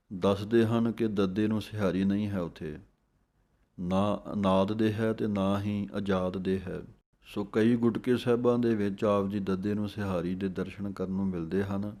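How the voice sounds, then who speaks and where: A middle-aged man with a Punjabi accent teaching recitation, spelling out letters and repeating each word slowly and deliberately. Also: fairly low pitch, dark tone. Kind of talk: slow step-by-step pronunciation lesson.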